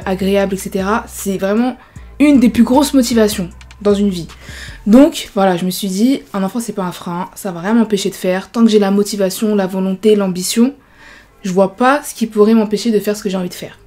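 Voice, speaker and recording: In a mellow, mid-range voice, a young YouTuber in her twenties recounts her story in a chatty storytime vlog. Fillers like "genre" and "voilà" crop up constantly.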